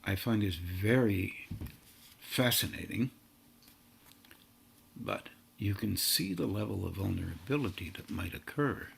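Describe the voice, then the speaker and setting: Male spiritual teacher, unhurried and halting, gravelly husky tone. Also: fairly low pitch, animated, slight background noise. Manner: slow, halting, drawn-out phrases. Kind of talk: meditative spiritual talk.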